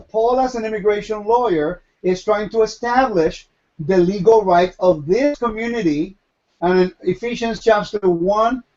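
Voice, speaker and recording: With a high, warm voice captured in a muffled recording, a Puerto Rican man leads a Q&A Bible teaching on the Torah. He's emphatic, raising questions only to answer them himself.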